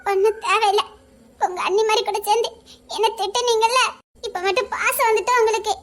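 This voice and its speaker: A woman's voice: very high voice, fairly even intonation, fairly quick, a bit bright. A woman with a Tirunelveli Tamil accent playing a sulky young pregnant wife, reproachful and half-laughing.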